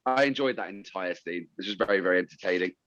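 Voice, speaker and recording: A man's voice: sits low, fast talker, dull audio, music in the background. A man co-hosting a podcast, chatting in a laid-back, wry way. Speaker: podcast co-host. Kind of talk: casual chat.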